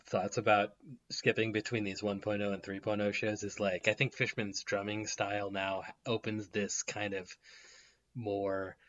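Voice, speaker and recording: A man's voice: fairly low pitch, level tone, unhurried, a bit bright, lo-fi sound. A man co-hosting a podcast in casual chat, rambling with frequent restarts and laughing often. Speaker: podcast co-host.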